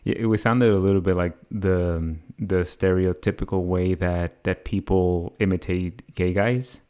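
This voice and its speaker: Low flat-voiced male podcast host. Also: a little slow, clean tone. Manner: relaxed, hesitant, many restarts. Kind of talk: casual conversation.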